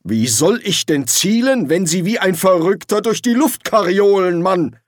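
A man reading an audiobook, voicing a gruff, bossy old head wizard who growls his orders. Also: sits high, animated, unhurried, no room sound, clean studio sound, pitched above the performer's own voice. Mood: growling.

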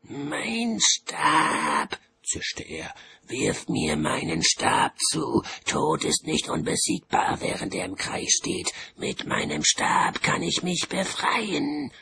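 A man voices a frail old wizard's servant in a storybook, raspy and shrill, with a bright, reedy edge. The voice swoops up and down as it frets and pleads. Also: huge pitch swings, slow, hardly any pauses, heavily acted. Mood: desperate. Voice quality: raspy, strained and whiny. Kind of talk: audiobook character voice.

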